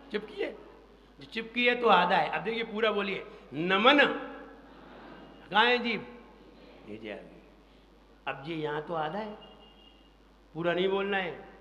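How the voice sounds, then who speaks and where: Slow high-voiced man teaching chant. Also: pushed and bright. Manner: slow, drilling repetition, chants verse lines. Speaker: monk teaching recitation. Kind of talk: pronunciation lesson within a sermon. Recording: echoey hall with faint ambience.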